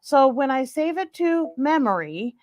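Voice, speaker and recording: Upbeat female sewing instructor, high-pitched, dry close recording. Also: big pitch swings, a little slow, darkish tone, no room sound. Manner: upbeat, chatty. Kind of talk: how-to demonstration. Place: sewing store studio.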